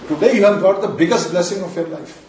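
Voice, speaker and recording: A man's voice: high-pitched, quick pace, a little mellow. A man with a North Indian accent giving a spiritual lesson in a didactic way, repeating phrases and asking rhetorical questions. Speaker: Vedic astrology and mantra teacher. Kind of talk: spiritual lesson with chanted syllables. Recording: very echoey room, distant mic, faint noise.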